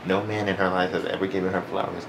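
A man's voice: deep voice, level tone, fast, gravelly. A man hosting a casual vlog, bragging and teasing his friends as he talks over them. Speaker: vlogger host. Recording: echoey room with loud background noise.

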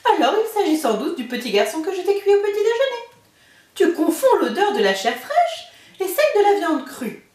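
High, urgent ogre's wife read by a woman. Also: big pitch swings, moderate pace, darkish tone. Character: ogre's wife, tall woman, anxious but kind. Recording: roomy, mic far off.

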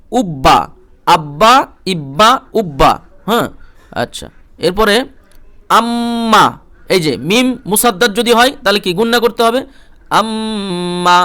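A man teaches a slow recitation lesson, spelling out each syllable and then repeating the set. His voice sits high and sounds bright and clear. He works through the drills at an unhurried pace, one item after another. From India. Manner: patient, drills syllables aloud and repeats them. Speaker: Quran reading teacher.

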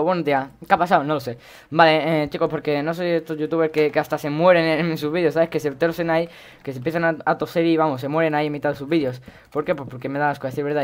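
A teenage boy with a Spain Spanish accent, rambling chattily through gameplay commentary and breaking into sudden high yelps. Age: teens. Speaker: gaming YouTuber.

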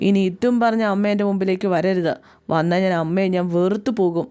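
A woman's voice: medium pitch, a little fast, warm tone, a little hiss or hum, close to an everyday voice. A woman voicing a hurt young wife, crying as she pleads and defies her mother. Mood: tearful. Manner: pleading, emotional.

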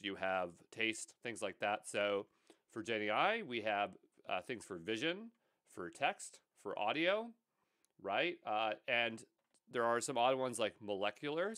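A man's voice: medium pitch, fairly bright tone, dry recording, studio quality. A man who works as a course instructor, explaining concepts over slides in a casual lecture with offhand asides and filler words.

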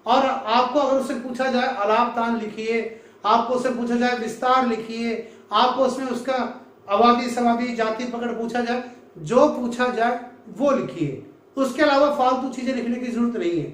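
A man from North India teaching a music lesson, explaining slowly and singing scale notes in between. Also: very high voice, a bit bright. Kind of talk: classroom lesson with sung notes. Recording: echoey room, mic far off.

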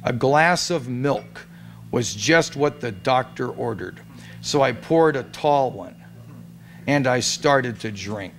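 A man giving a dramatic reading of a comic story at a gathering in a restaurant, in a deadpan, amused tone. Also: medium pitch, slow, a little hiss or hum. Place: restaurant event room.

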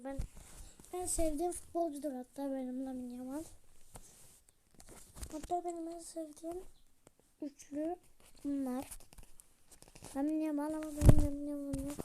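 A woman with a high, bright voice casually commenting on her football video game match. She talks to viewers, cheers goals and yells at her players. Faint noise hums behind her. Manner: excitable, yells at the plays and jokes with viewers. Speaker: gaming channel host.

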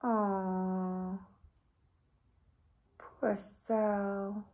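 Over lo-fi audio, a middle-aged woman teacher with a mid-range voice reads extremely slowly from a children's story in her home living room. She's expressive and exaggerated, pausing to put questions to her young pupils.

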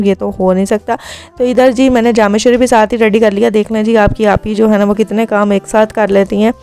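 Narrating her day as a vlogger, a young woman speaks quickly and casually, filling her chatty voice-over with filler phrases. The voice is a little high and slightly mellow, with a clear, resonant tone.

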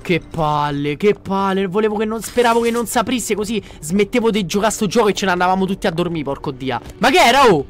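A man's voice: high voice, expressive, quick pace, hardly any pauses, soft background music. A man with a Roman accent giving live gameplay commentary, jumpy and swearing a lot as he talks to viewers. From Rome. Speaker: streamer.

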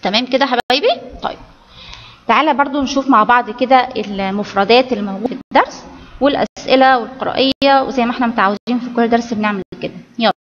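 Speaking rapid-fire in a slightly high voice, a woman with an Egyptian accent teaches children Arabic grammar online as their primary school teacher. She explains step by step and repeatedly checks that everyone is following. The sound is lo-fi with a long reverb tail and a bit of background noise.

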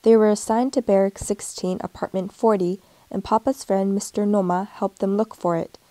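A storybook reader gently reads a picture book aloud, giving each character a light voice of its own. Her mid-pitched voice is steady at a moderate pace, recorded close and dry with no room sound.

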